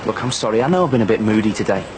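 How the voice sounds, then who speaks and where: A young man playing a moody, grudging boyfriend in a soap drama, with a gruff, sullen manner. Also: fairly low pitch, lively intonation, racing, noisy background, natural voice.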